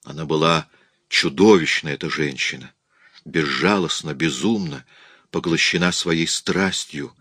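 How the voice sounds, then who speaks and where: A man reading a story aloud as an audiobook narrator, in a measured, steady storytelling manner. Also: very deep voice, slightly rough, no echo, clean studio sound. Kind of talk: scripted narration.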